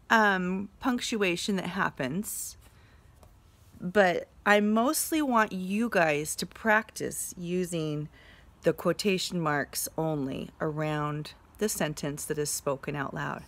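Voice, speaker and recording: A mother and teacher giving a slow, encouraging grammar lesson to young children, with fillers as she explains. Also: lowish voice, fairly bright tone.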